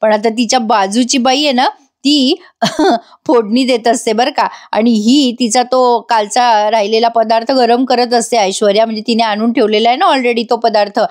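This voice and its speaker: A woman's voice: on the high side, steady tone, moderate pace, darkish tone. A woman giving a chatty voice-over recap of a TV serial, talking straight to her viewers. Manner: chatty, addresses viewers directly. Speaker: TV serial reviewer.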